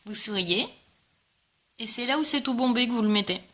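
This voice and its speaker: Bright-voiced, bubbly woman doing live makeup. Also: on the high side, normal speed. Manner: chatty and enthusiastic, many fillers; greets viewers while demonstrating. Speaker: makeup presenter. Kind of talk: casual live makeup tutorial.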